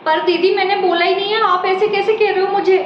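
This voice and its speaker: A woman's voice: very high voice, level tone, brisk, background noise. A woman playing a polite, defensive daughter-in-law. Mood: pleading. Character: polite young daughter-in-law, hurt but firm. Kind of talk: home-made family drama skit. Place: indoors at home. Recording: roomy, dull lo-fi sound.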